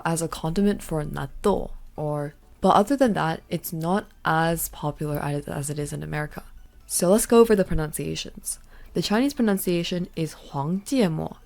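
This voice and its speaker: A woman's voice: lowish voice, a little mellow. A woman hosting a casual language lesson podcast, explaining in a chatty way with fillers and asides. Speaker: podcast host.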